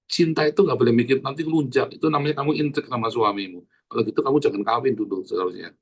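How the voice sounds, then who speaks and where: Husky, animated preacher with a lilt. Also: male voice, medium pitch, racing. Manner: animated, earthy, calls out to the congregation. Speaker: pastor. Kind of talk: sermon.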